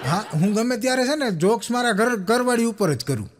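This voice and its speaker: Performing Gujarati folk joke-telling at a live stage show with an audience, this young comic speaks fairly fast in a high, bright voice. He's an animated storyteller who gives voice to each quoted character in his jokes.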